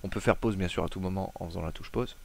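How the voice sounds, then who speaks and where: A man casually talking viewers through a screen-recorded tutorial, relaxed and hesitant with frequent fillers. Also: sits low, fast talker, gravelly. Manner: talks viewers through steps directly. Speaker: tutorial host.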